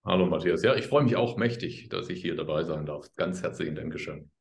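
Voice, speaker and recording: A man speaking as an interview guest, explaining his work in a calm, earnest, unhurried way. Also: low-pitched, vocal fry, roomy sound. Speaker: guest, healer. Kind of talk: conversational interview.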